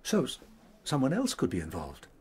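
A man with an English accent acting in a radio drama as a loyal, blustery, exasperated gentleman doctor. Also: mid-range voice, huge pitch swings, moderate pace, breathy edge, exaggerated voice. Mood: grudging, puzzled.

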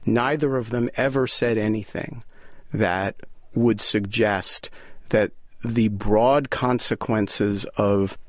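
A man giving firm, deliberate legal commentary in an interview. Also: fairly low pitch, fairly even intonation, dry recording.

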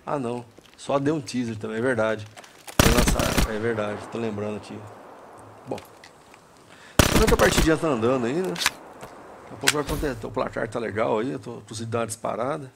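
With a gravelly, mid-range voice and brisk pace, this Brazilian-accented man provides casual, slangy, rambling video game commentary. Clicking sounds fill the background of a very noisy recording.

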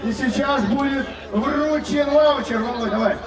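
A male fight announcer with a very high-pitched voice, in the manner of a fighting game announcer. He is heard at a distance over an echoing outdoor PA, with a loud crowd all around. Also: unhurried.

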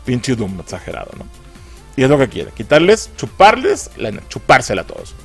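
A Mexican man reviewing a film in casual, cursing commentary, his pitch bouncing all over as he mocks what he sees. His voice sits mid-range, with soft music faintly underneath. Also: wildly swooping pitch, a little fast, creaky, husky. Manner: mocking, profane, laughs often.

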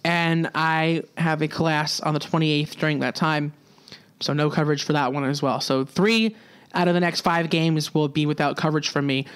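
A young man with a notably high voice hosts his solo sports podcast. He talks casually and keeps restarting his sentences. Now and then he drops a sarcastic aside. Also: steady tone, moderate pace, fairly bright tone, clear, resonant tone. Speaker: podcast host. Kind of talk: solo hockey podcast talk.

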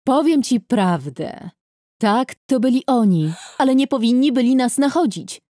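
Story mother, terse and guarded, low and warm, read by a woman narrator, dry booth sound. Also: sing-song, measured pace, no room sound. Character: stern middle-aged mother, guarded and curt.

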